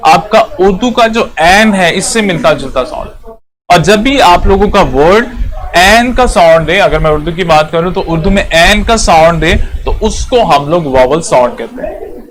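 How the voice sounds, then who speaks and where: A man's voice: high voice, animated, moderate pace, a little hiss or hum. A man, an Urdu speaker, giving an English lesson in a classroom, repeating points and checking that students follow. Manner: repetitive, checks students with "clear?". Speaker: English teacher. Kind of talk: classroom lecture.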